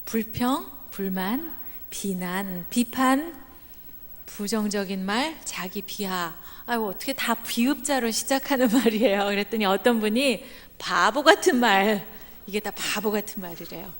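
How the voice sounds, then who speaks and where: A middle-aged woman giving a lively storytelling sermon at a church meeting, acting out the voices of the people in her stories. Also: medium pitch, normal speed. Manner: animated, acts out quoted voices, laughs at own jokes. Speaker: guest speaker at a church revival meeting. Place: church sanctuary. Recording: reverberant church hall.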